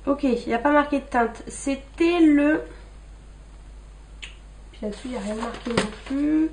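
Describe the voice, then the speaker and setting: A young woman with a fairly high voice talks casually through a makeup haul at home. She chats loosely, thinking aloud and trailing off with fillers. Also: measured pace, background noise. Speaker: beauty vlogger.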